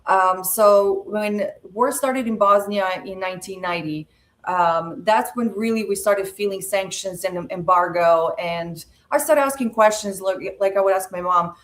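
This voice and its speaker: A woman in her forties from Serbia, a podcast guest telling her life story in a measured, reflective way with frequent pauses. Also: mid-range voice. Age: 40s. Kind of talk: personal storytelling interview.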